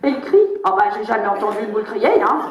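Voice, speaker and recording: A woman's voice: on the high side, sing-song, quick pace, crowd noise. A woman performing a crude, spiteful old grandmother in a comedy monologue, foul-mouthed and gleefully mocking. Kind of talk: stand-up character monologue. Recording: dull, echoey room sound.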